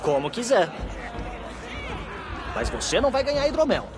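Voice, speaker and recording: A man's voice: very high-pitched, huge pitch swings, moderate pace, over music, crowd noise, full character voice. A man with a Brazilian accent voicing a brash, teasing young viking in a dubbed video game. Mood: teasing, cocky.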